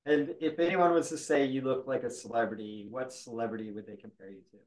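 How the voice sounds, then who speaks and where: A man's voice: mid-range voice, fairly even intonation, quick pace, darkish tone, rough recording. A man from the American South hosting a casual podcast chat, teasing his guest in an easygoing way. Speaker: podcast host.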